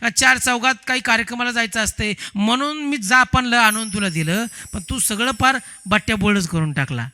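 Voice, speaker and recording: A man voicing a calm husband who soothes his crying wife and keeps repeating himself. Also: extremely high pitch, normal speed, few pauses, exaggerated voice. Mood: explaining. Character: calm husband amused by fake gold.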